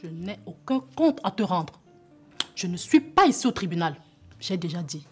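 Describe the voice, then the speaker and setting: A woman's voice: lowish voice, sing-song, normal speed, darkish tone, soft background music. A woman with a Cameroonian French accent playing a defiant sister who accuses her brother's wife. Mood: accusing. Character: bitter, accusing sister-in-law. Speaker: husband's sister.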